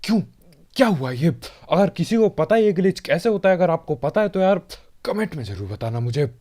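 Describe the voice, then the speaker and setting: A man gives a chatty gameplay commentary, joking and speaking straight to his viewers. His voice sits a little high, swings widely in pitch and has a mellow, soft tone. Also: very animated, brisk. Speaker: gaming channel host. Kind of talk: casual gameplay commentary voice-over.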